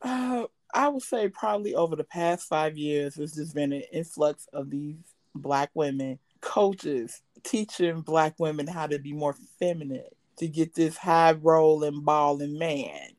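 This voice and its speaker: A woman's voice: deep voice, measured pace, few pauses, a little mellow, no room sound. An older woman chatting as a podcast guest, blunt, salty and opinionated in her way of talking. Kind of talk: casual chat.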